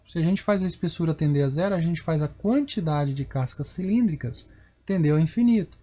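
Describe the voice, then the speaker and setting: A man's voice: fairly high pitch, animated, brisk, mellow. A male math teacher with a Brazilian Portuguese accent, giving a recorded lecture and checking in with viewers as he explains each step.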